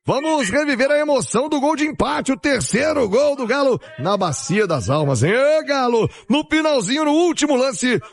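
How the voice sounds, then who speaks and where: A Brazilian male sports presenter recaps a football match for radio. His voice is high-pitched, and he speaks in emphatic, punchy phrases.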